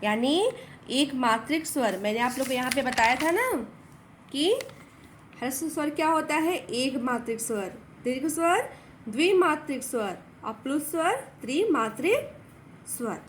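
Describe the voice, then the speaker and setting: A woman teacher explaining a lesson slowly and repetitively, asking the class rhetorical questions. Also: high voice, lively intonation, slight background noise.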